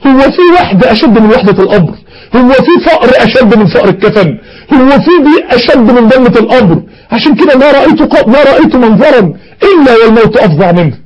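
A man's voice: extremely high pitch, lively intonation, quick pace, darkish tone, highs cut off. A man preaching a sermon in an Egyptian Arabic accent, urgent and emotional, firing off rhetorical questions.

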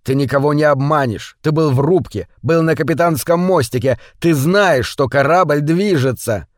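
A man's voice: a little high, normal speed, dry recording, studio quality, close to an everyday voice. A man voicing a blunt male ship engineer who talks in a demanding way.

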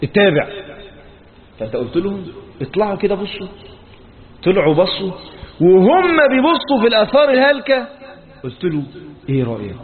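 A man with an Egyptian Arabic accent teaches a Quran commentary lesson, reciting verses and then explaining them in colloquial talk. He keeps asking questions and answering them himself. His slightly high voice comes through a tinny, lo-fi, phone-like recording. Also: animated, a little fast, long pauses.

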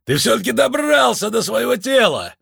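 A man voicing an excitable, eccentric male mystic in an audiobook, with a high, theatrical, husky voice. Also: moderate pace, no room sound, studio quality, exaggerated voice. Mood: delighted. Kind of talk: audiobook character voice.

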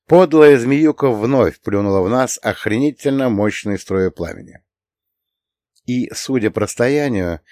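A man's voice: on the low side, darkish tone, no room sound, studio quality. A man narrating a first-person fantasy audiobook in a wry, conversational way, with the occasional curse.

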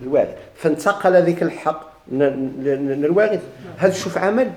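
رجل بلهجة مغربية يلقي درساً في الفرائض، يكرر المصطلحات ويسأل طلابه. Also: male voice, fairly high pitch, brisk, a little mellow, roomy sound. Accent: Moroccan Arabic. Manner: repeats key terms, quizzes students. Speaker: teacher of Islamic inheritance law. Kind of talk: classroom lecture, questions and answers.

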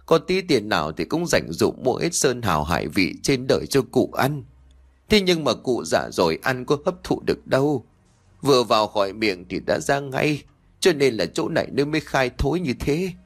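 A man's voice: big pitch swings, normal speed. A man voicing a cruel, scheming middle-aged village wife who wails falsely and snaps sharply. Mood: whining. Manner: shrill wailing, sharp-tongued.

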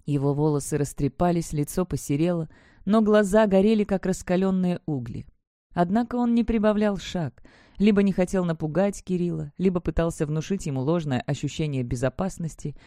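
A woman narrating a first-person fantasy audiobook in a steady, measured way. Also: lowish voice, no room sound, studio quality.

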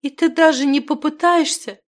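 A woman reading the lines of a crying young woman who begs for help in a high, loud voice. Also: moderate pace, close to an everyday voice. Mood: pleading. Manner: pleading, high-pitched.

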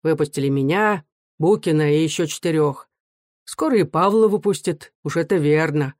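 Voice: mid-range voice, moderate pace, no echo, studio quality, natural voice. Reader doing a hearty young revolutionary. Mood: reassuring. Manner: lively, hearty. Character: warm cheerful young revolutionary man.

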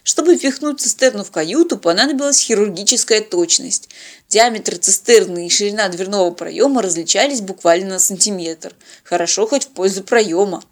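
A woman's voice: mid-range voice, normal speed. A woman narrating a science-fiction audiobook with a dry, wry delivery.

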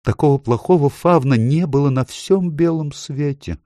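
A man voicing a gentle, sorrowful male faun who sobs out his guilt in a storybook reading. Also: fairly high pitch, normal speed, no echo, studio quality, voice pushed up, close to an everyday voice. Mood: sobbing. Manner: sobbing, mournful.

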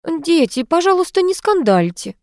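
A woman voicing an older mother, gentle and anxious, soft and pleading in manner. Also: extremely high pitch, sing-song, moderate pace, vocal fry, dry recording, clean studio sound, pitched above the performer's own voice, heavily acted.

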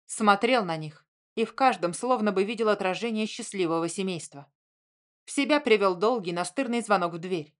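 Woman narrator, measured audiobook reading, mid-pitched. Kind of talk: scripted narration.

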